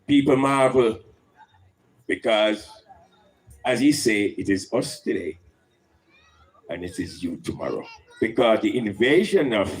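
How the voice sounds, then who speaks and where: With a lowish, slightly mellow voice on a rough recording, a Jamaican-accented man preaches and teaches in Rastafarian style. He speaks emphatically, leaning on rhetorical questions and Rastafari idioms.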